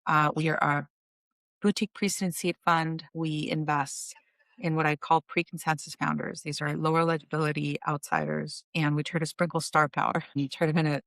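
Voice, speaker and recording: A woman in her forties from Costa Rica, a venture fund founder, telling her story in a relaxed interview with fillers. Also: low-pitched, moderate pace, creaky, dry recording. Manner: thoughtful, fluent storytelling with fillers. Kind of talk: casual interview talk.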